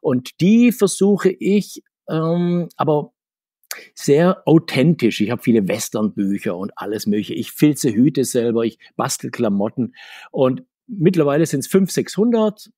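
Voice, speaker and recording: An expressive, unhurried man in his 60s with a dark, slightly rough mid-range voice guests on a video-call interview as a comics marketer. Surrounded by figures in a room at home, he talks casually and rambles chattily, laughing between points. The audio is studio quality without echo.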